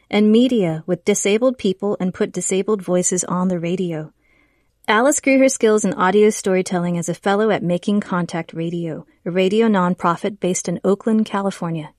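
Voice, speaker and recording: A woman reading scripted narration in the measured manner of a public radio host. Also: medium pitch, no echo, clean studio sound.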